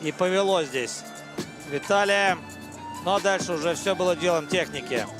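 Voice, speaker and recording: A man's voice: high-pitched, moderate pace. A man giving live commentary on a mixed martial arts fight. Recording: loud crowd and music behind. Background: arena crowd and music.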